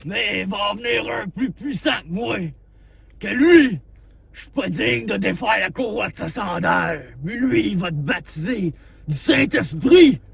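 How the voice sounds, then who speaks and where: An actor playing a wild, hairy prophet who cries out in the desert and barks blunt orders. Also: male voice, high voice, lively intonation, unhurried, vocal fry, breathy edge, exaggerated voice. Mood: proclaiming. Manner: shouts abruptly, bossy and blunt.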